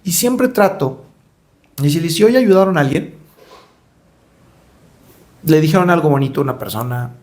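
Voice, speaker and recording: A man's voice: on the high side, animated, moderate pace, pauses often, a little mellow. A middle-aged man with a Mexican accent, telling stories as a podcast guest, reflective and repeating words while he searches for them. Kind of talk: conversational interview storytelling.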